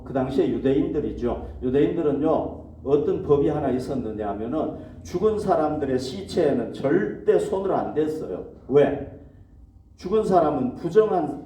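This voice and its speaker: Pastor preaching in an echoey church hall. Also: male voice, a little high, mellow, recorded from a distance, slight background noise. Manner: asks the congregation questions and answers them himself. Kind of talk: sermon.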